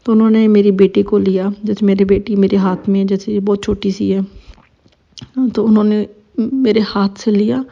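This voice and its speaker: A woman's voice: mid-range voice, gravelly, dark tone. A woman, telling a personal devotional testimony in an emotional, hesitant way with many fillers. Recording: dull lo-fi recording.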